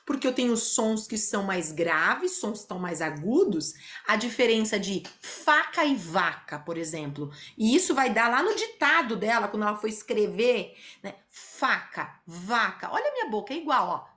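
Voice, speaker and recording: A woman's voice: mid-range voice, big pitch swings, moderate pace, few pauses, fairly bright tone. A woman hosting an interview, explaining in a teaching way and demonstrating speech sounds. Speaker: host, speech therapy educator.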